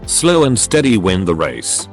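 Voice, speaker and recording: A man's voice: sits low, huge pitch swings, measured pace. A man narrating a string of forum posts, reading out abbreviations and punctuation literally. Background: faint background music.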